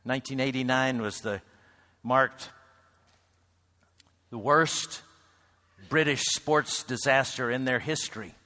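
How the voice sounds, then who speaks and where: A man preaching a sermon to a congregation, swinging between loud calls and near-whispered lines. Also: mid-range voice, takes it slowly, long pauses. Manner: builds to loud shouts, then drops to a hush. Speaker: pastor. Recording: reverberant hall.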